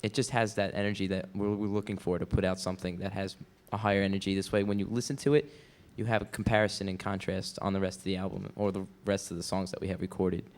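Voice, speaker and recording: A man's voice: low-pitched, fairly even intonation, fast, few pauses, darkish tone. A young man in a band, guesting on a college studio show and chatting in a playful, joking way. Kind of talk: casual interview chat.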